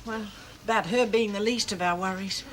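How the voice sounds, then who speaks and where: An actress plays a worldly, resigned female inmate who talks bluntly. Her medium-pitched voice moves at a normal speed with fairly even intonation and sounds close to everyday speech, with slight background noise.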